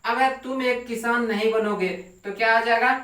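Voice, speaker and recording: An English teacher explaining grammar in a translation lesson, dictating each sentence slowly word by word and ending with a checking question. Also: mid-range voice, fairly even intonation, fairly bright tone, recorded from a distance. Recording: echoey room, voice away from the mic.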